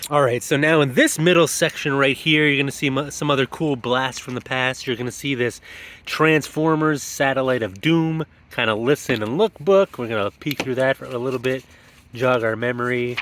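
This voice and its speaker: A man in a casual, excited show-and-tell about his yard sale finds. His voice echoes as if he were in a cave, and he talks with frequent ums and restarts. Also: medium pitch, moderate pace. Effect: echoey cave-like sound.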